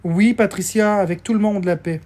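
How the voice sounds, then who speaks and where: A man's voice: sits high, fairly even intonation, normal speed, a little mellow. Chatty man live-streaming. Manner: chatty, reads and answers viewer comments, thanks people for gifts. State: tired. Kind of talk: casual live-stream chat with viewers.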